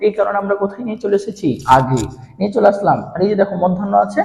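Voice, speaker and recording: High-voiced man teaching in an echoey hall. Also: lively intonation, very fast, gravelly, darkish tone. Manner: asks questions and answers them himself. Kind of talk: classroom pronunciation lesson. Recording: roomy hall with long reverb.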